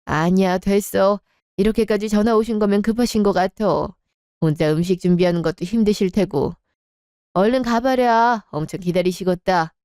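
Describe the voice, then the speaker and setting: Woman playing a gentle caring mother. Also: medium pitch, moderate pace, smooth, no room sound, clean studio sound, lightly acted. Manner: gentle, urging. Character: kind, caring older mother of the bride. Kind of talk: Korean radio drama.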